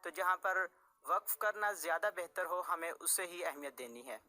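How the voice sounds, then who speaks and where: A teacher gives a tajweed lesson in a clear, bright voice. The delivery is patient and repetitive, and each rule is restated several ways. Faint music sits quietly under the talk. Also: mid-range voice, animated, moderate pace. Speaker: Quran recitation teacher.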